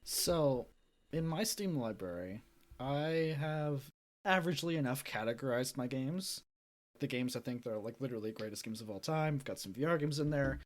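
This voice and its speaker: Male co-host, expressive and animated, mid-range voice that swoops a lot. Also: medium pitch, normal speed. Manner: animated storyteller, acts out quotes. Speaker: podcast co-host. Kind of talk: casual chat.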